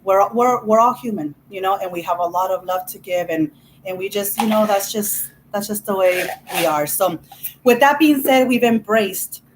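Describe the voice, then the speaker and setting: A woman's voice: mid-range voice, moderate pace, a little hiss or hum, poor audio. A woman vlogger chatting casually, rambling and effusive with many restarts. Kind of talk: casual chat.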